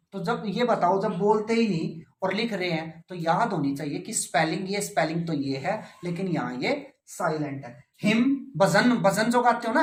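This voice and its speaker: A male English teacher giving a classroom pronunciation lesson, patiently repeating words and spelling them out letter by letter. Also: high-pitched. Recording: roomy, distant mic.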